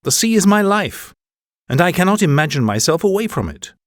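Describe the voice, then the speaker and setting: A woman's voice: on the low side, very animated, fairly quick, no room sound, studio quality. A woman voicing a firm, sea-loving ship's lieutenant in a storybook reading.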